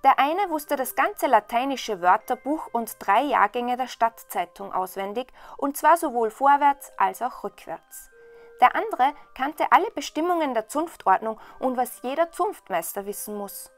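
A woman storyteller reading a fairy tale in a lively, expressive way. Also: high-pitched, normal speed. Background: soft waltz music.

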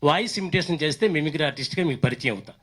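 A man's voice: fairly high pitch, lively intonation, racing, fairly bright tone. An older man, a mimicry artist, chatting and joking between impressions on a stage with a handheld mic. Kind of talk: stand-up mimicry act. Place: stage event.

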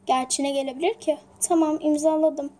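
An anxious young office worker, played by a woman, in a homemade toy drama. The voice sits very high and squeaky. She grows frantic and tearful when things go wrong. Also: steady tone, fairly quick, dark tone, lightly acted. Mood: calm. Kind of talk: toy-figure home drama.

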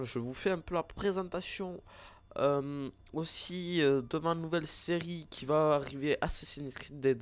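A man with a regional accent, a gaming YouTuber, talking casually to his viewers with many fillers and restarts. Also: medium pitch. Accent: French-speaking regional accent. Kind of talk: casual vlog talk to viewers.

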